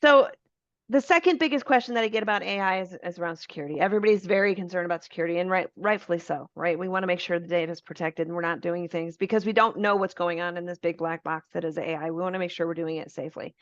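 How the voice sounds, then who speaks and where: A woman with a fairly low voice presents a business webinar and explains each feature step by step. Her tone stays friendly and informal. The audio is dry and a little dull, as if it were coming through a video call. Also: fast talker, dry recording.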